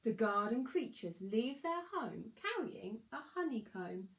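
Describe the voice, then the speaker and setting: Woman, fairly high voice, very unhurried pace, animated storybook reading, sing-song rhymes, teacherly. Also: slight background noise. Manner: expressive, deliberate, sing-song rhyming delivery. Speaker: primary school teacher reading aloud.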